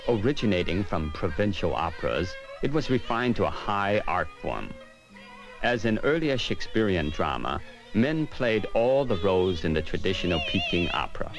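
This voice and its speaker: A man's voice: on the low side, huge pitch swings, normal speed. A man reading scripted documentary narration in a formal, informative style. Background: music.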